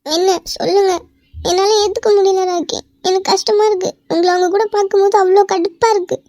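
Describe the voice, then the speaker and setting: A woman voicing a jealous, emotional young wife in a cartoon, who pleads through tears and turns sharp and possessive. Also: very high-pitched, fairly even intonation, fairly quick, no room sound, clean studio sound. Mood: tearful, hurt. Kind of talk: amateur cartoon voice acting.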